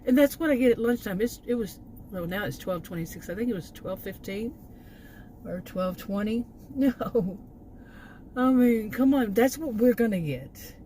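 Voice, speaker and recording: This American vlogger from Texas has a fairly high, warm voice at normal speed, with a little hiss or hum in the audio. A food delivery gig worker, she rambles through a casual rant, exasperated and chuckling between points.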